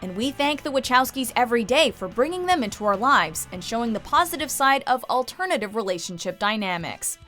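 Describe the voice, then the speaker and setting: A woman's voice: on the high side, very animated, a little fast, few pauses, a bit bright, faint music behind. A woman reading scripted narration as the narrator of a countdown video.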